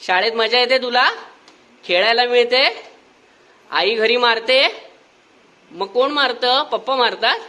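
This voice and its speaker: A man's voice: extremely high pitch, takes it slowly, pauses often, sharp tone. A man hosting a vlog at a village school, teasing the children playfully and giving formal thanks. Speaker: vlogger host. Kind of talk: casual vlog chat with schoolchildren.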